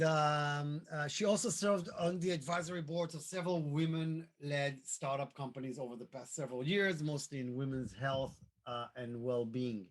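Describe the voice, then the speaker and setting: A man hosting a live online interview, talking in a halting way with many fillers and restarts. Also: mid-range voice, low-quality recording. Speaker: host.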